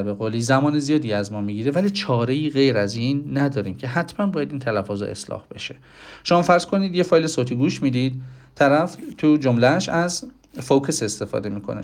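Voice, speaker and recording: A man teaching English pronunciation in a casual spoken lesson, explaining step by step and asking his listeners rhetorical questions. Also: medium pitch. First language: Persian.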